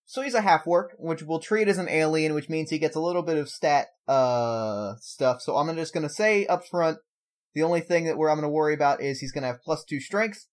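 A man's voice: on the high side, fairly quick. A man co-hosting a podcast, chatting casually and playfully as he explains a game. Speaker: podcast co-host.

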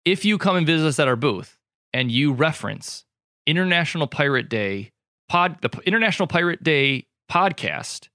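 A man's voice: a little high, big pitch swings, moderate pace, pushed and bright, no echo, clean studio sound. A man who is an emergency physician hosting a casual medical podcast, upbeat and jokey.

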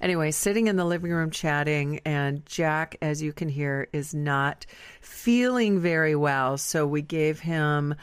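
A woman's voice: low voice, a little slow, clear, resonant tone, no echo. A woman co-hosting a casual podcast, teasing her partner and laughing often. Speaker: podcast co-host. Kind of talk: casual chat.

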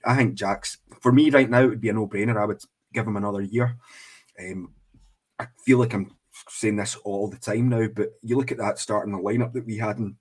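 A man's voice: lowish voice, steady tone, a little fast, husky. A Scottish man co-hosting a casual football podcast, earnestly building his argument at length. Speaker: podcast co-host.

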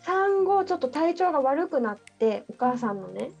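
A woman co-hosting a casual podcast chat, teasing and tossing out quick jokes. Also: sits high, big pitch swings, creaky, highs cut off, faint music behind. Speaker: podcast co-host.

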